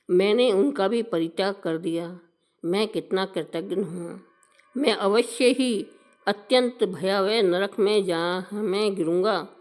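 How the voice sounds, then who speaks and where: A woman voicing a repentant old man full of remorse, in a slow, measured recitation. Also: medium pitch, a little mellow, natural voice.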